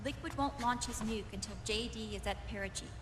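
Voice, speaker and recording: A woman's voice: fairly high pitch, a little fast, noisy background, natural voice. A woman playing a grave, commanding officer who leads a mission briefing in a video game. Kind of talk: scripted video game voice acting. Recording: long hall reverb, music behind.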